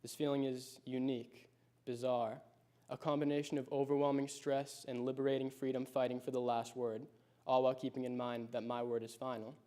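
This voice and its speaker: A late-teen high school senior delivers his prepared personal speech, recounting his story with reflection and steady pacing. He speaks in a level, warm tone.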